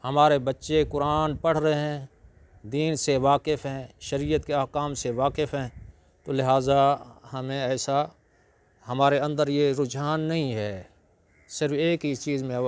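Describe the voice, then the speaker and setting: A man giving a religious lecture, teaching slowly and breaking into drawn-out Arabic recitation. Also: mid-range voice, fairly even intonation, smooth. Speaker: Quran reciter and preacher.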